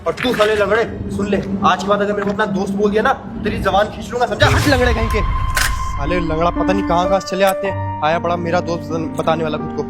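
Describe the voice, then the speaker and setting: A man doing a rich snob, contemptuous, high voice, rapid talk, faint music. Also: steady tone, lightly acted. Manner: insulting, contemptuous. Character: arrogant rich young man, scornful snob. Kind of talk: amateur skit acting.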